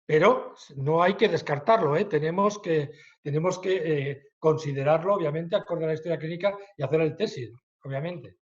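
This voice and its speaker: Male medical expert, Spanish accent, fairly high voice, hesitant, muffled online audio. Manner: hesitant, many fillers, then quick explanations. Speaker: medical expert answering questions. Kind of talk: webinar Q&A.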